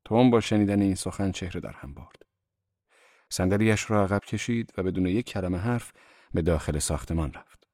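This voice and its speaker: A man narrating a novel in a measured, literary reading style on a close mic. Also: low-pitched, expressive, a little mellow, dry recording. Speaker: audiobook narrator. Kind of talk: scripted narration.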